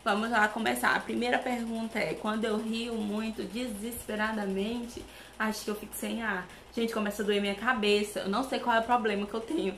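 A young Brazilian woman chatting to camera as a vlogger, animated and talkative, with many asides to her viewers, at home with a fan running. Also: on the high side, a little fast, roomy sound. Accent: Brazilian Portuguese. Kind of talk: casual chat to camera.

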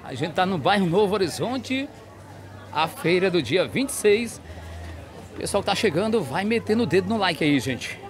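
A man's voice: high voice, very animated, normal speed, some chatter behind. A man with a Northeastern Brazilian accent hosting a walking vlog through an outdoor street market, chatty and asking vendors their prices. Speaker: market vlogger host. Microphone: handheld mic.

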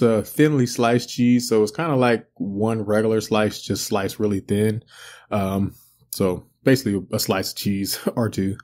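In his home kitchen, an easygoing cooking channel host with a voice on the low side narrates a home cooking video. His casual voice-over is relaxed and rambling, full of fillers.

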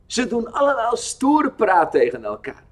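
Expressive and full of questions for whoever is listening, a man narrates children's Bible stories. He talks at a slow pace in a faintly husky voice whose pitch moves a great deal.

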